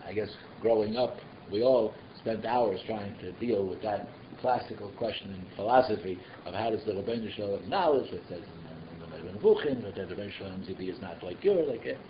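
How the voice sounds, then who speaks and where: A rabbi gives an informal Torah class, posing rhetorical questions and tossing in conversational asides. His voice sits on the low side and sounds animated, moving a little fast with few pauses. The room recording is echoey, muffled, and noisy.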